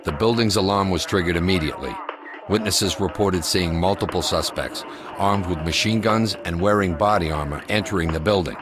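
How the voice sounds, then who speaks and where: A man playing a grave, commanding American SWAT commander, delivering a measured, matter-of-fact mission briefing for a video game. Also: sits low, crowd noise, natural voice. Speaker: police tactical commander.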